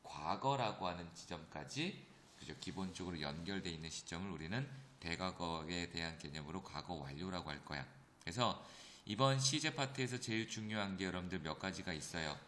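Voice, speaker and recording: A man teaching an English grammar lesson, explaining step by step and often checking in with his students. He slows down to read English example sentences aloud. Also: low-pitched, sharp tone, reverberant, slight background noise. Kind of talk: recorded classroom lecture.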